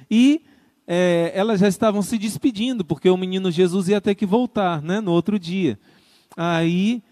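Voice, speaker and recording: Guy preaching, high voice, tells a sweet story w/ little voices for mom and kid, super dry close sound. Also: darkish tone, no room sound. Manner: tender storytelling, acting out a mother and child in dialogue. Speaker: religious brother and preacher. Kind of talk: storytelling sermon from a livestream.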